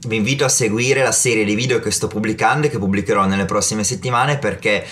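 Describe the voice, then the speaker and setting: A man's voice: lowish voice, quick pace, fairly bright tone. A man in his thirties talking casually to camera as a travel vlogger, recorded in a small room. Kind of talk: casual talk to camera, snack tasting.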